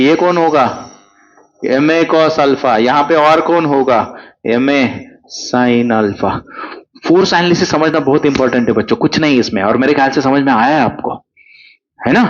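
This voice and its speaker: A man's voice: on the high side, muffled recording. A male physics teacher, coaxing students through exam problems with constant questions. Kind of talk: exam crash-course lecture.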